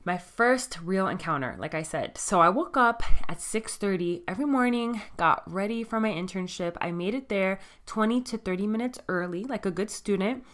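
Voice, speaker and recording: A woman's voice: mid-range voice, moderate pace, few pauses, a bit bright. A woman with a Miami American accent hosting a solo podcast, explaining things plainly in a scripted but conversational way. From Miami, United States. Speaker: podcast host.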